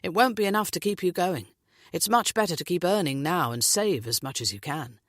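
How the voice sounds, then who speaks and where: A woman voicing a cautious, polite middle-aged man who speaks in a measured way. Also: on the low side, lively intonation, no echo, clean studio sound. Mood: cautioning.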